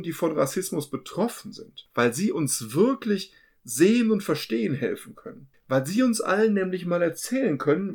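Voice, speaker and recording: A man hosting a podcast, his voice slightly high for a man and gravelly. He talks earnestly and at times with passion. It sounds like a conversation recorded for a podcast. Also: darkish tone. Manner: earnest, impassioned. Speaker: podcast host. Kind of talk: hosted podcast talk.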